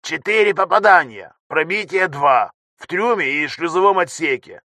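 A frantic young ship technician barks reports over the intercom in a high, gravelly voice that is bright and sharp, as a male narrator puts him on. The delivery is shouted and rapid, and the recording is dry and close. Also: lively intonation, no echo. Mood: shouting urgently.

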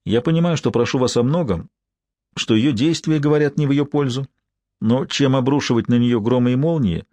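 A calm male professor making a careful, reasoned case, as the reader plays him. His voice stays close to the reader's own middle range. The audiobook sound is dry and close. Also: mid-range voice, a little fast, dry recording, lightly acted. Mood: persuasive.

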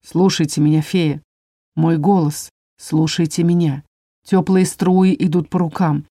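A woman voicing a calm male dragon inquisitor who speaks softly and soothingly. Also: mid-range voice, normal speed, no echo, clean studio sound, close to an everyday voice. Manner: soft, soothing, hushed.

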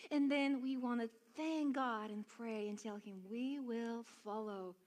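A Bulgarian woman leads a children's worship song and dance session at church, offering encouragement and simple step-by-step instructions. Her voice sits on the high side with a darkish tone, and she keeps a measured pace.

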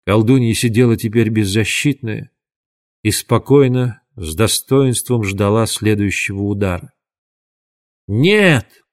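A man reading a storybook aloud in a measured, dramatic narrating manner. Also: fairly low pitch. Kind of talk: audiobook narration.

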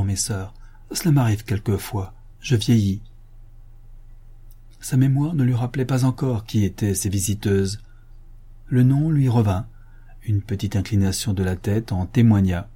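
Dark-voiced man narrating a novel. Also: lowish voice, slightly rough. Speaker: audiobook narrator. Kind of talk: literary audiobook narration.

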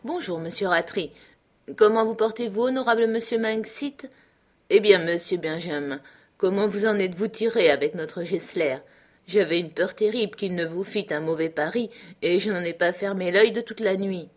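A woman's voice: medium pitch, moderate pace, close to an everyday voice. A woman reading the part of a cowardly middle-aged male doctor who fawns and pleads. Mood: fawning. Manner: obsequious, pleading.

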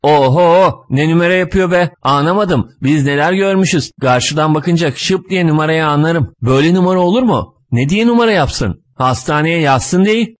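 A man's voice: a little high, moderate pace, few pauses, voice pushed up, natural voice. A man voicing a sly, smug male hospital orderly who mocks a patient in a read-aloud story. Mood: mocking. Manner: know-it-all, mocking, excited.

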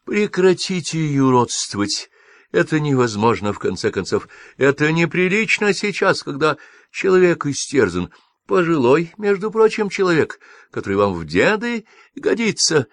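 A shrill, bitter old woman from a storybook, shrieking in hysterics, voiced by a man reading aloud. She sits well above a low male voice and sounds pinched and tearful. The read is dry and close. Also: very animated, measured pace, fairly bright tone, no echo, full character voice. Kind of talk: audiobook character voice.

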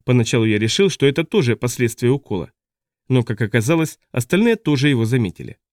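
A man reading a first-person audiobook in a steady storytelling manner. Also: medium pitch, quick pace, no room sound, studio quality. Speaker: audiobook narrator.

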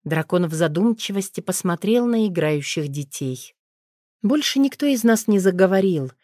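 A woman with a fairly low voice narrates a first-person audiobook at a moderate pace, steady yet expressive. The recording is close and dry, with no room echo.

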